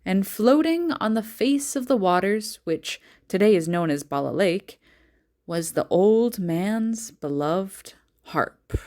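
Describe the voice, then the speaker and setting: A woman giving a scripted, measured narration of a folktale. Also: medium pitch, lively intonation, darkish tone. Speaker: storyteller.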